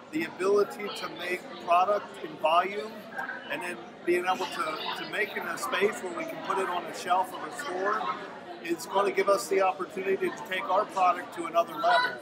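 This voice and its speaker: A man who is a small farm producer, giving a steady, businesslike short interview comment in a large community hall. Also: sits high.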